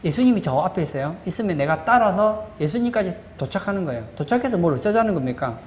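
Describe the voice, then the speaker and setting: A man's voice: high voice, expressive, quick pace. A male pastor preaching a sermon, posing rhetorical questions and answering them, repeating key phrases for emphasis. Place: church sanctuary. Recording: echoey room with faint background noise.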